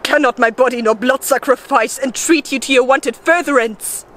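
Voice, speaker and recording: A woman playing a desperate young Joan of Arc in a theatrical Shakespeare monologue, pleading with spirits. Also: high-pitched. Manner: slow, theatrical, swinging between hushed and imploring. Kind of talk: solo Shakespeare monologue, dramatic recitation.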